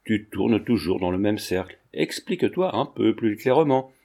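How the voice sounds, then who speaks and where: A man's voice: fairly low pitch, expressive, normal speed, warm tone. A man reading a novel aloud, voicing a mocking, skeptical young Parisian man who teases his friend with irony. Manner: teasing, ironic.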